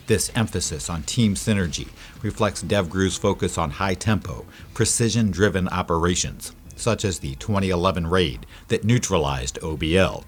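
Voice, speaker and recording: Deep-voiced man narrating a military documentary.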